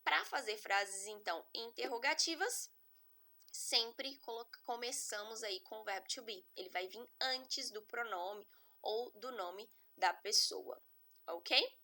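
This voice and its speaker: A woman's voice: fairly high pitch, takes it slowly, bright, forceful tone. A woman, teaching English grammar in an online lesson, explaining step by step and often checking in with her students. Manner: patient, step-by-step explaining with frequent check-ins.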